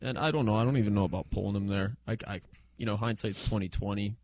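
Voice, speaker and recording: A man's voice: on the low side, fast talker, darkish tone, a little hiss or hum. A man co-hosting a casual sports podcast, easygoing and agreeable as he chimes in. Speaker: podcast co-host.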